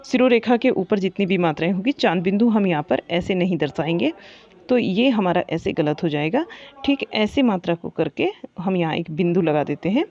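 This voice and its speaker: A woman's voice: fairly low pitch, animated, normal speed, a little mellow, dull audio. A woman teaching a grammar lesson for exam preparation, asking questions and then answering them herself, and repeating the key points. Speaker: Hindi teacher.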